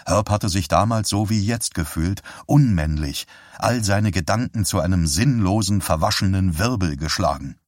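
A man narrating an audiobook in a steady, even storytelling manner. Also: sits low, normal speed, no echo, clean studio sound. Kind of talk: scripted narration.

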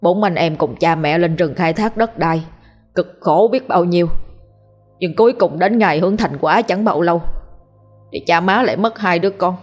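A woman's voice: lowish voice, normal speed, faint music behind, natural voice. A woman reads a grieving older village brother, tearful, lamenting, storybook ghost tale. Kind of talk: scripted ghost story narration.

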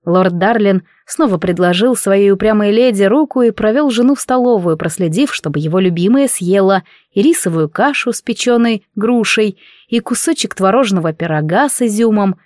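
A woman reading a novel aloud as an audiobook narrator, in an even, measured way. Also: medium pitch, no echo, studio quality. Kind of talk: scripted narration.

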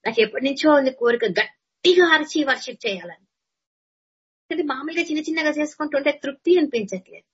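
A woman's voice: fairly high pitch, slightly rough, highs cut off. A woman, preaching a sermon in an earnest manner and repeating phrases for emphasis.

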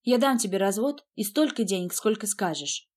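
A woman voicing a cold, curt wealthy husband in an audiobook, with a flat, clipped delivery. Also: mid-range voice, moderate pace, natural voice.

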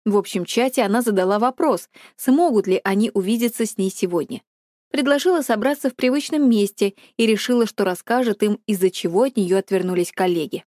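A woman narrating an audiobook chapter in a measured, even reading. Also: medium pitch, no room sound, studio quality. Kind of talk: scripted narration.

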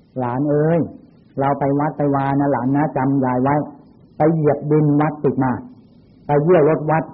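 A man's voice: on the high side, steady tone, moderate pace, slightly rough. A monk quoting a stern old grandmother. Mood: admonishing. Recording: tinny lo-fi phone-like recording.

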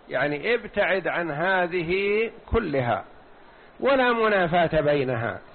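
An older man giving a slow, deliberate religious lecture, repeating and explaining words one at a time. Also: high voice. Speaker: Quran commentary teacher. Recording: tinny phone-like recording.

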